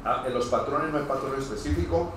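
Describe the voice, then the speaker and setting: This is a pulmonologist from Cúcuta, with a mid-range voice and a northeastern Colombian Spanish accent, informally lecturing a group of medical trainees. His delivery is hurried and full of digressions and stammered false starts, recorded noisily from a distant mic in a very echoey room.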